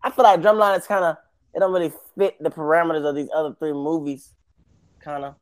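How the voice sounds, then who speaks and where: American guy w a kinda higher voice, casual podcast debate, thinking out loud, slangy. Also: steady tone, quick pace, clean tone.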